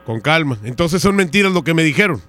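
Speaking quickly with lively intonation, a man hosting a radio show grills a caller in a confrontational prank call, demanding answers. His voice is fairly high-pitched and fairly bright.

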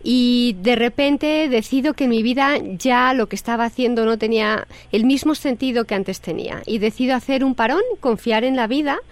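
A woman guest and regional representative telling her story in a radio studio, pausing on fillers. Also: fairly high pitch, no echo.

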